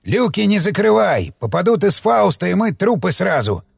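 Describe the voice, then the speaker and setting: A gruff old army commander, as a male narrator puts him on, barks orders and curses in a gravelly, husky voice that sits high and swings widely. The voice is an audiobook character voice, recorded dry and close with faint music behind it. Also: very animated, normal speed, no room sound, heavily acted. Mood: shouting. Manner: barking orders, cursing.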